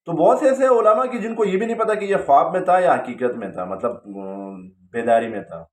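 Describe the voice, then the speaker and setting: Man, slightly high voice, rambling personal story, echoey room, off-mic. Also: animated, a little mellow. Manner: conversational, rambling, with frequent hesitations. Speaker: storyteller recounting his religious journey. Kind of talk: casual spoken testimony. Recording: roomy, distant from the mic.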